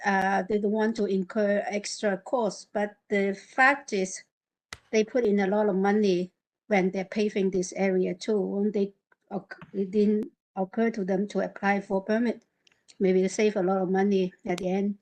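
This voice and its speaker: A woman on a planning committee giving halting remarks, often repeating words. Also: medium pitch, rough recording. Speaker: committee member. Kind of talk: formal hearing remarks.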